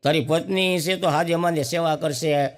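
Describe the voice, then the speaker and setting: High-voiced comedian spinning folksy yarns. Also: male voice, fairly even intonation, normal speed, big-room sound. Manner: folksy storyteller who acts out each character in quoted dialogue. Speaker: stand-up comedian. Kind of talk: comic storytelling.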